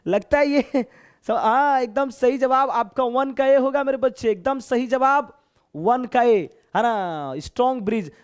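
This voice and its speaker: A man from Bihar, India, teaches English in a live online class, speaking Hindi with a Bihari accent in a very high-pitched voice. He's chatty and playful, joking around as he coaxes his students into answering.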